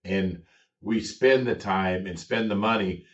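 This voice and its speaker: A middle-aged American man, a farmer, talking casually in a reflective, halting way. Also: low voice, a bit bright. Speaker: farmer guest. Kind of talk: casual conversation. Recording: distant mic, dull muffled sound.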